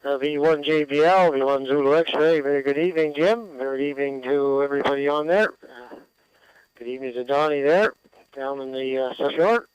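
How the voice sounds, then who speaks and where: A man chats casually and haltingly over a two-way radio with some static. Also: medium pitch, smooth, no echo, low-quality recording. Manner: halting, meandering. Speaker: amateur radio operator checking in. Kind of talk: casual ham radio chat.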